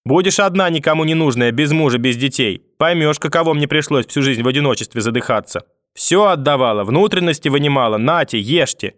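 A man's voice: animated, a little fast, a bit bright, dry recording, studio quality. A man voicing a cruel, bitter old grandmother who curses and shrieks. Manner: shrill, venomous, cursing.

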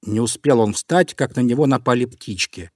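A man reading a children's fairy tale aloud in an expressive storytelling manner. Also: medium pitch, moderate pace, no echo, clean studio sound.

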